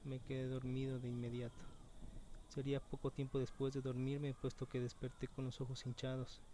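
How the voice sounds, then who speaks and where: A man with a dark, mellow voice tells a first-person horror story, measured and suspenseful, slowing down at the tensest moments. His delivery stays narrow and even, with a faint ambient hum behind him. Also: mid-range voice. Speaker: narrator.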